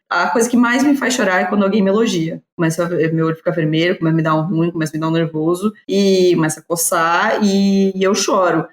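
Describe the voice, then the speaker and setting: A woman's voice: medium pitch, roomy sound. A woman co-hosting a podcast, chatting in a reflective way and chiming in with short agreements. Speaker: podcast co-host. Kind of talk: casual chat.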